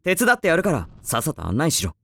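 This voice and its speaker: A woman voicing a gruff, blunt young male demon who has been wounded, in a voice drama. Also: sits low, huge pitch swings, fast talker, heavily acted. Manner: blunt, rough-spoken. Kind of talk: voice drama acting.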